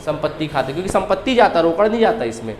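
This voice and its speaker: A man teaches an accounting class in a high voice, throwing questions at his students and answering them himself. He drills key terms by repeating them over and over. The room sounds echoey, with a faint hiss of ambience behind him. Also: sing-song, quick pace. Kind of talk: classroom lecture.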